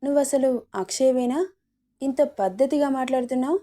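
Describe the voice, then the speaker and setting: A woman's voice: sits high, brisk, warm tone, natural voice. A woman voicing a playful young husband, a doctor, in a storybook reading, with sulky, teasing banter.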